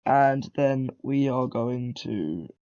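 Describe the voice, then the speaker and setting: Medium-pitched and warm, this man's animated voice moves slowly, captured on dull audio. Suffering from a cold, he rambles his way through an easygoing coding tutorial for beginners, full of ums, throat clearing, and self-corrections.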